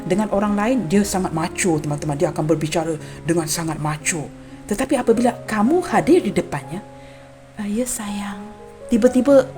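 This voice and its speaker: A woman giving a general tarot reading to her viewers. She talks gently, often pauses on a soft "ya", and addresses listeners as friends. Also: mid-range voice. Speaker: tarot reader. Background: background music.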